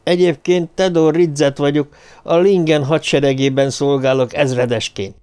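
A man's voice: a little high, fairly even intonation, darkish tone, smooth, lightly acted. Man doing a boisterous gray-haired colonel, raised voice, audiobook character. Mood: hearty. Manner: boisterous, exclaiming. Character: hearty gray-haired muscular male colonel.

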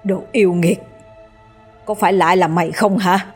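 A guilty old patriarch snaps and shouts at his wife in a rough, commanding tone. Fear and bluster run together in him, as a woman narrator puts him on. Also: on the low side, moderate pace, soft background music, lightly acted. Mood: angry. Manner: harsh barking orders. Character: domineering old patriarch, frightened yet quick-tempered.

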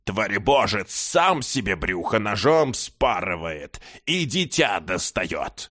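A man voicing a gloating, toothless old male beggar who spreads slow, ominous tales of a monster, mumbling his words in an audiobook. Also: lowish voice, big pitch swings, a bit bright, exaggerated voice.

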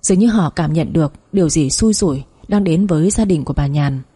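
A woman narrates a dramatic story, steady and measured. Her voice sits low, dark and mellow, with a husky grain.

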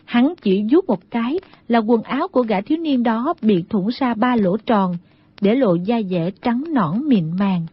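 A woman narrating an audiobook in a steady storytelling manner. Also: fairly high pitch, a little slow, breathy edge. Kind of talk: scripted narration. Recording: dull lo-fi audio.

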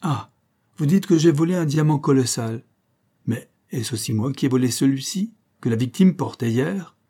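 A sly, sneering young engineer, played by a male reader, incisive and mocking. The reader's voice stays dark and husky underneath. It sounds like an audiobook reading. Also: mid-range voice, moderate pace, lightly acted.

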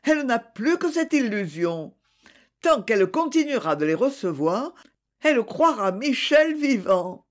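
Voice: medium pitch, big pitch swings, slow. A reader voicing a young woman pleading with a prosecutor in an audiobook. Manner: imploring, emotional.

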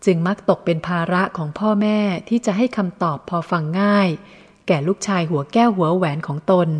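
A woman reading a first-person literary story aloud in a measured, reflective way. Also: mid-range voice, a little mellow, in a large hall. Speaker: audiobook reader.

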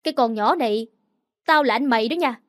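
A woman's voice: a little high, fairly quick, fairly bright tone, no echo, clean studio sound, lightly acted. A woman doing a blustering, defensive brother. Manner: rough, blustering. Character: brash, defensive young man, the narrator's brother.

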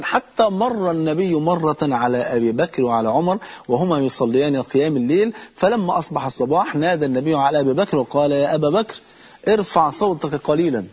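A man with an Egyptian Arabic accent delivers a sermon, his voice husky and pitched a little high. He talks at a quick clip and addresses his listeners directly. He slows down sharply to draw out the lines he quotes. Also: darkish tone. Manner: storytelling with slow, drawn-out quotes. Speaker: preacher.

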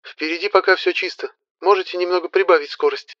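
A man's voice: high-pitched, steady tone, fast talker, lo-fi sound, voice pushed up, lightly acted. A man voicing a blunt, impatient scout companion who talks in a brusque, skeptical way.

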